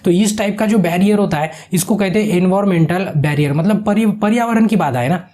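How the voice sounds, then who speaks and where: A man's voice: high voice, fairly quick, warm tone, slight background noise. A man teaching online, explaining exam quiz answers and repeating questions back to his viewers. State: sweating from heat.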